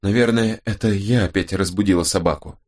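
A man voicing a tough young woman detective, speaking higher, slower and in clipped phrases. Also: darkish tone. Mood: hushed. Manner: raised pitch, slowed, clipped.

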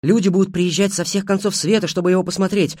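A man's voice: high-pitched, steady tone, fast, a little mellow, dry recording, pitched above the performer's own voice. Male reader doing a quirky, mischievous sculptor, dry, close sound. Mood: teasing. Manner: teasing, cautious.

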